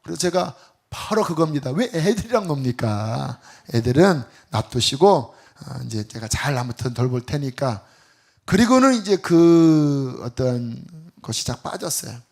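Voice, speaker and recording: A middle-aged man, a pastor, preaching a Friday sermon and telling a personal story with animated, acted-out quotes. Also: medium pitch, a little slow.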